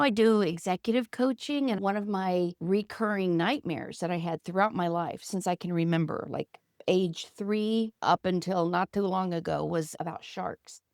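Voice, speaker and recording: A woman's voice: fairly low pitch, a little mellow, dry recording, studio quality. A woman guest, an actor and coach, talking reflectively and expressively in an interview. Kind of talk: conversational interview.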